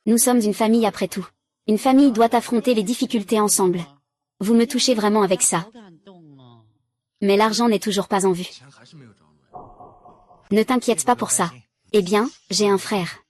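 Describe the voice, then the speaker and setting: Lady dubbing a whole drama by herself, same even voice for everyone, mid pitch. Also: moderate pace, long pauses. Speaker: voice-over dubber. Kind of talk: single-voice dub of a drama series.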